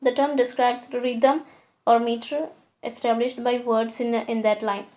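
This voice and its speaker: A woman teacher lecturing on a poem, slowing to a deliberate pace on the English lines and pausing on fillers as she explains. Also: a little high, steady tone, a little mellow. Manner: switches to slow, deliberate reading for English lines; hesitant, with many fillers. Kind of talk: poetry lecture.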